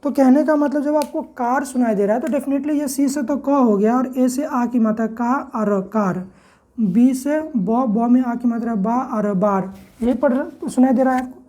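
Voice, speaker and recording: A woman teaching English pronunciation in a classroom-style lesson, spelling words out slowly letter by letter and asking her own questions before answering them. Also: high-pitched, mellow.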